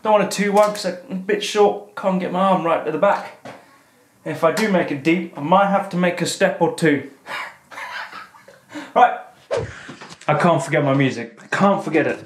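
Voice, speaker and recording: A UK man in his thirties hosts a casual workshop vlog, chatting and poking fun at himself as he thinks aloud while building. He has a high-pitched voice at normal speed and pauses often. Filmed on a head-mounted action camera in a garage, the audio has roomy echo, music, and slight background noise.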